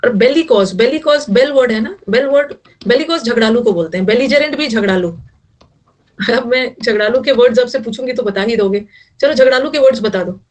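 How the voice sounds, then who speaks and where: A woman's voice: on the high side, normal speed, darkish tone, distant mic. A middle-aged woman teaching an English vocabulary class, mixing Hindi and English and using jokey memory tricks for each word.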